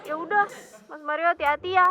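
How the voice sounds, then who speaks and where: A woman's voice: very high-pitched, fast, highs cut off, heavy background noise. An actress playing a sweet, naive young woman who talks about herself in the third person, prim and earnest. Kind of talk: sitcom acting.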